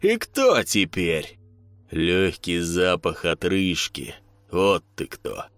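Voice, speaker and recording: A man voicing a mad bearded stepfather who switches between a booming, furious voice and a raspy, mocking one, in an audiobook. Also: wildly swooping pitch, slow pace, a bit bright, dry recording, full character voice. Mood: raging. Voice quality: shifts between booming rage and raspy mockery. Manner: unhinged, gloating, sing-song. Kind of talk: audiobook character voice.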